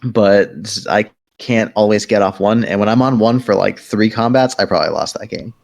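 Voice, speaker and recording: A man with a low, gravelly voice chimes into a casual gaming chat. He is blunt and jokey, tossing off curse words without a second thought. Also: moderate pace. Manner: blunt, joking, curses offhandedly. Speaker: podcast guest.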